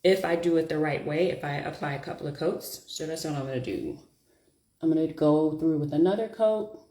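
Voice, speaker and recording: She speaks briskly in a low, mellow voice, and the room echoes. This beauty vlogger chats casually during a live stream, putting on her lashes while thinking aloud and being self-deprecating.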